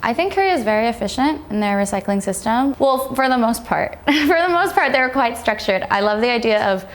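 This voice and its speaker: A woman's voice: a little high, expressive, brisk. A woman from the United States talks on a discussion panel, sharing her opinions in an upbeat way. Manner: upbeat and opinionated, laughs between points. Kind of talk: casual group discussion.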